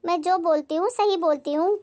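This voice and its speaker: A woman playing a sharp-tongued, complaining middle-aged mother-in-law in a comedy skit. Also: very high voice, fairly quick, dry recording. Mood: scolding.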